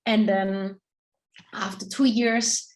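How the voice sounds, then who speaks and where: A middle-aged woman from Austria with an Austrian accent, a business coach answering interview questions thoughtfully, with many pauses and restarts. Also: mid-range voice, level tone, low-quality recording. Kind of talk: casual interview, video call.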